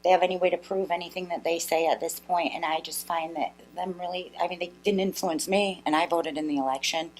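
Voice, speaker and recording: A young woman from Brazil co-hosting a political talk show. Her voice sits a little low for a woman. Her answers are short and blunt. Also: steady tone, a little fast, hardly any pauses, a little hiss or hum, low-quality recording. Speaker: co-host.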